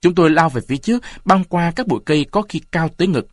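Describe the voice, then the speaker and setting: A man narrating a story aloud in an expressive reading style. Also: on the high side, fast, no echo. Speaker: audiobook narrator.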